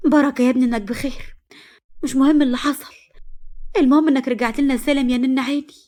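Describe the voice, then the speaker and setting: A woman's voice: fairly high pitch, steady tone, fast, darkish tone, voice pushed up, lightly acted. A woman voicing a doting older mother with an Egyptian accent, raised and fervent.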